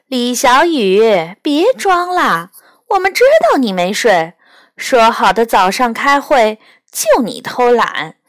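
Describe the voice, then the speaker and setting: A woman's voice: a little high, big pitch swings, takes it slowly. A woman reading a storybook aloud, voicing an eager, impatient schoolboy.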